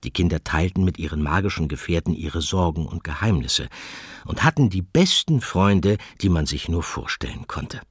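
A man narrating a children's audiobook in an expressive storytelling manner. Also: low voice, normal speed, husky, no room sound, studio quality.

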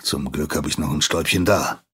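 A man's voice: very deep voice, fairly even intonation, a little fast, pushed and bright, husky, heavily acted. A man doing a grumbling master blacksmith. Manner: grumbling, scolding. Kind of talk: audio docu-drama.

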